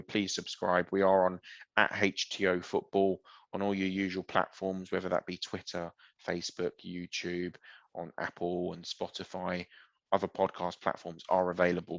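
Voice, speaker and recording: A man's voice: deep voice, gravelly, no echo, highs cut off. A young man hosting a football podcast, chatting enthusiastically. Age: young adult. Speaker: podcast host. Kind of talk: casual podcast chat.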